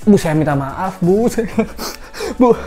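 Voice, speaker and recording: A woman's voice: sing-song, normal speed, a little mellow, soft background music, close to an everyday voice. A woman voicing a young male officer who begs and whines in a raised voice. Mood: pleading. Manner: whiny, begging, voice pushed up high.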